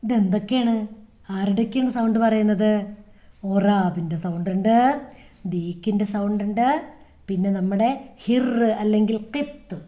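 A woman's voice: medium pitch, normal speed, pauses often, mellow. A woman with a Kerala Malayalam accent teaching a recorded lesson to young children, repeating words and making animal sounds in a sing-song way.

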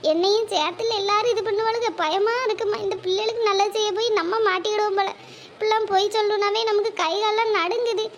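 A woman's voice: extremely high pitch, slight background noise. A woman doing a fretful older village woman. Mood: relieved, jittery. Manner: worried, scolding, motherly lecturing. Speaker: cartoon character. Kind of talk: cartoon voice acting.

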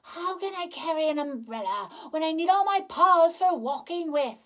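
A woman's voice: very high-pitched, lively intonation, moderate pace, pitched above the performer's own voice. A woman voicing a hungry, boastful male tiger in a children's storybook. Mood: whiny. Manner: pompous, boastful.

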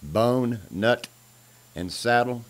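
Drawing out his words, a man presents a guitar for a charity auction in unhurried, folksy snippets, relaxed and casual. He's in a small room at home, recorded by a microphone on a stand at guitar height, with acoustic guitar sounding around him.

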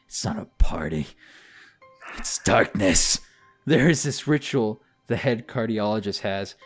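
A man with a fairly low voice narrates a visual novel in an overwrought, mock-serious tone. He keeps breaking the gloom with jokes and side comments. Faint music plays underneath. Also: a little mellow. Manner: mock-dramatic reading, breaking into laughter and jokes. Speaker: co-host reading a visual novel aloud. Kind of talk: comedic read-through.

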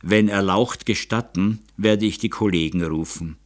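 A man voicing a cautious, tactful doctor who speaks in a measured, deferential way. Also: lowish voice, expressive.

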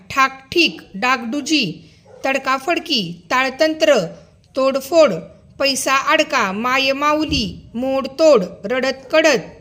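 A woman teacher giving a lesson for young pupils, reading a word list aloud slowly and clearly, one item at a time. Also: high-pitched, bright, forceful tone. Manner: slow, clear dictation-style reading.

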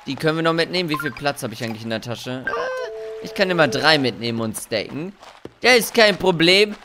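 A man's voice: on the high side, sing-song, a little fast. A man chatting casually to viewers while he plays a life-sim game, joking as he goes. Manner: chatty, jokey, talks to viewers. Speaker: let's play host. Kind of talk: casual gameplay commentary. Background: game music.

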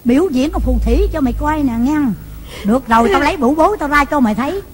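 A woman's voice: high-pitched, animated, fast talker, slight background noise. An actress playing a cruel, scheming foster mother in a stage drama, taunting and cackling threats. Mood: mocking. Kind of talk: Vietnamese cải lương stage drama. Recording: stage drama with loud music behind.

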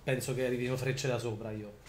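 A man's voice: medium pitch, steady tone, quick pace. Male tabletop player, roomy echo. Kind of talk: casual table chat. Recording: roomy echo, clear background noise.

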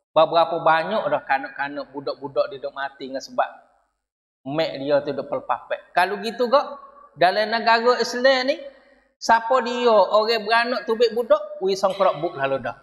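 A man with a Kelantan-Pattani Malay accent giving a religious study lecture in a mosque, telling stories with sudden rises and drops in pitch and loudness. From southern Thailand. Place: large mosque hall. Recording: long reverb of a mosque hall.

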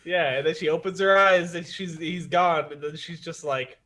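A man's voice: on the high side, fairly even intonation, normal speed, pushed and bright. A man chatting casually and agreeably as he reads a comic with a friend. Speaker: co-reader. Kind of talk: casual comedic chat.

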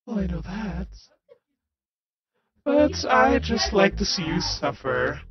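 A man's voice: sits high, very animated, takes it slowly, vocal fry, slightly rough, lo-fi sound, full character voice. A man playing a mocking, foul-mouthed villain with a taunting, sneering manner in an improvised Minecraft drama. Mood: cruel taunting.

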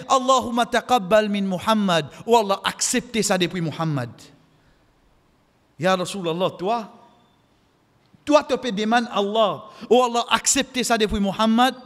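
A middle-aged man with a Mauritian Creole accent and a high, fairly bright voice delivers a Friday khutbah from a mosque pulpit, quoting Arabic and repeating phrases with impassioned, exhortative emphasis. A close stand microphone captures him in an echoey hall with long reverb.

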